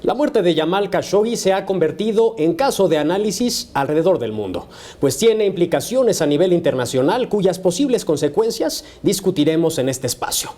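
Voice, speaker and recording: A man's voice: sits high, very animated, moderate pace, mellow. A man presenting a current affairs panel show in a formal television style, as its host.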